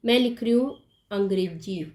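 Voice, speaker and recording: Slow, high-voiced Hindi teacher woman. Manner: repeats words slowly for pronunciation, asks pupils questions. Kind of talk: slow classroom explanation at a board.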